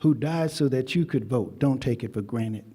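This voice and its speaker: An older man from Texas gives a commencement speech, weaving folksy stories into an emphatic address. His voice is mellow and dark. A long reverb from the ceremony hall trails behind each phrase. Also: mid-range voice, normal speed, slightly rough. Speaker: convocation speaker.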